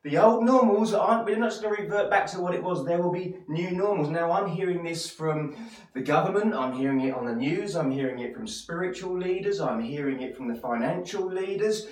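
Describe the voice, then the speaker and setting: A man's voice: high voice, fairly quick. Male pastor, Essex accent, encouraging sermon delivery with rhetorical questions, distant mic in a reverberant room. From Essex, England. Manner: encouraging, addresses listeners directly with rhetorical questions and repeated phrases. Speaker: church pastor. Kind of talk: motivational sermon. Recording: echoey room, distant microphone.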